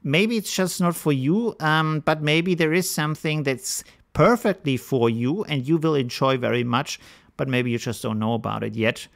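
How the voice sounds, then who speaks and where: A man's voice: a little high, moderate pace, gravelly. A man hosting a video, giving frank, casual advice straight to camera with frequent fillers and restarts, an English speaker. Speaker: video host.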